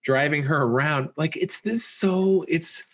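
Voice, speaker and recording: A man co-hosting a podcast, casually recapping a horror film, animated and laughing often as he acts out the characters' lines. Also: fairly high pitch, unhurried. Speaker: podcast co-host. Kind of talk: casual movie-recap chat.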